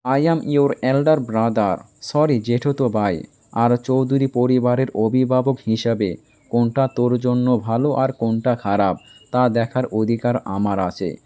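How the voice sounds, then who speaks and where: A man's voice: medium pitch, fairly even intonation, dark tone, lo-fi sound, close to an everyday voice. A man reading a domineering young captain. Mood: stern possessive. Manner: slow, stern, emphatic.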